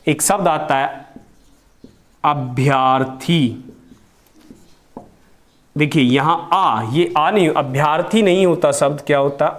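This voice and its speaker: Slow, deliberate male teacher. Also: on the high side. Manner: slow and deliberate, drawing out example words; asks questions to the class and answers them himself. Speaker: Hindi teacher. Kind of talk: spelling lesson.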